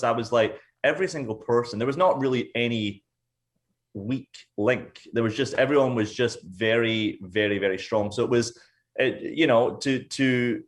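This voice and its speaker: A young man from Scotland, a singer, talking casually as a guest, often restarting his sentences and filling with "like". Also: mid-range voice. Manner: halting, many restarts and "like". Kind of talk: casual interview.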